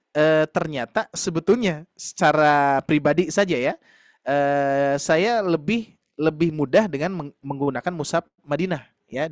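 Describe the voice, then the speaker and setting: Male teacher, fairly high voice, dry close sound, patient and filler-heavy, keeps addressing the class. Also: dry recording. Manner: explains slowly with many fillers, addresses students directly. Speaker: Quran recitation teacher. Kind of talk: online tahsin class lecture.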